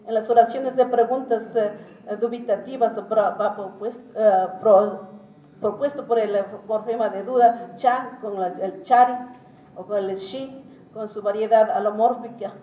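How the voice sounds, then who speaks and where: Halting woman lecturing in a roomy hall. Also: fairly high pitch, fairly even intonation, dark tone, dull audio. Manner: halting, frequent hesitations. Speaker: symposium speaker and Quichua teacher. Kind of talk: academic lecture. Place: conference hall. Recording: roomy hall, distant mic, faint noise.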